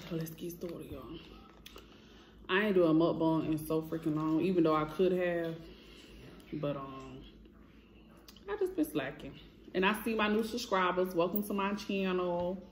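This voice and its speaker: Woman vlogger, chatty and rambling, lowish voice, roomy phone sound. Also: a little slow, long pauses, a little hiss or hum. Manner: rambling, chatty, addresses viewers as y'all. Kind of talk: casual mukbang vlog chat. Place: home, indoors. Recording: echoey room.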